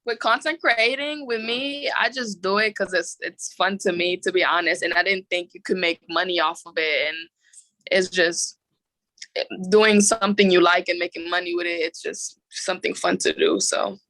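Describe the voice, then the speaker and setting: A woman's voice: lowish voice, steady tone, normal speed, bright, forceful tone, rough recording. A woman in her twenties from the Philippines, a guest content creator on a podcast, talking in an easygoing way with a giggle. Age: 20s. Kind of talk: casual group interview.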